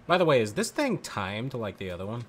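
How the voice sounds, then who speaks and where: A man's voice: mid-range voice, very animated, brisk, a little hiss or hum. Offhand, joking man gaming. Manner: offhand, joking, muttering to himself. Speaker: gamer. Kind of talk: casual game commentary.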